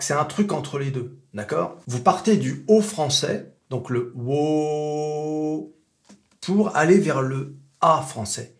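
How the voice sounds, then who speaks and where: A man speaking French, teaching English pronunciation in a casual video lesson, chatty and self-mocking, stretching out example words slowly. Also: medium pitch.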